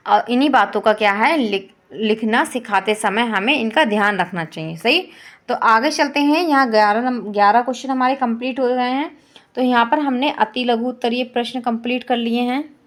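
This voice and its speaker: A woman's voice: fairly high pitch, moderate pace. A woman teacher giving an online exam-prep lesson, who repeats each point as a question and keeps checking in with "ठीक है". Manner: frequent checking "ठीक है" fillers.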